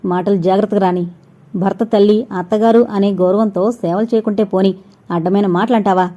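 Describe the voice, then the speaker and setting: A woman's voice: medium pitch, steady tone, brisk, mellow, dull audio, close to an everyday voice. A woman reading the lines of a stern young husband, a doctor who scolds and lectures his wife. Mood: angry.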